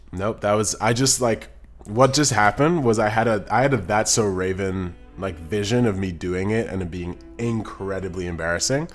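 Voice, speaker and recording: A man with a fairly low voice chats on a live stream in a loose, rambling way. He reads viewer messages out loud and answers them off the cuff. Soft music plays faintly behind him. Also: measured pace. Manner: rambling, chatty, reacts to chat and laughs often. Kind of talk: casual live-stream chat.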